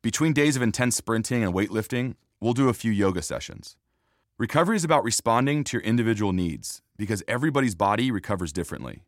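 Male podcast host for scripted narration, lively intonation, slightly low voice, close dry sound. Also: fast talker, dry recording.

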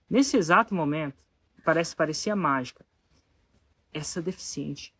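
With a mid-range, slightly breathy voice, this speaker tells a story casually and animatedly to an audience. Rhetorical questions are tossed out to the listeners along the way.

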